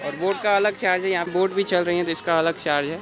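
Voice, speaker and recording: A man's voice: high-pitched, steady tone, fast talker. A young man vlogging on a walking tour of a lakeside park, chatting to viewers as he points things out and filming on a phone at arm's length. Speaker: travel vlogger. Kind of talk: casual walking tour vlog. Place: outdoor park by a lake, crowded. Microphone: phone camera held at arm's length. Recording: loud crowd and music around. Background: loud crowd chatter and music.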